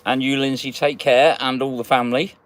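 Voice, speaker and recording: A man's voice: mid-range voice, little pitch movement, fairly quick, fairly bright tone. A man hosting a casual livestream, chatting and greeting viewers by name as he reads their comments. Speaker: magnet fishing livestream host.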